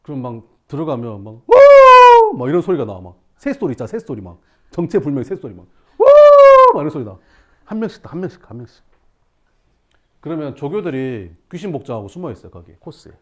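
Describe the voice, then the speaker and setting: A young male math teacher tells his class a story in a lively, swooping voice. His pitch sits in the middle, and he acts out the scenes with sudden shouts and sound effects. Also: fast talker.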